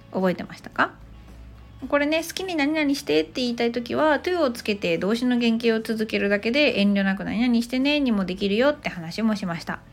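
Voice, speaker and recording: Lively-voiced woman teaching English casually. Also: a little high. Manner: chatty, explains slowly with many fillers. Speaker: English teacher and podcast host. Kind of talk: casual spoken English lesson.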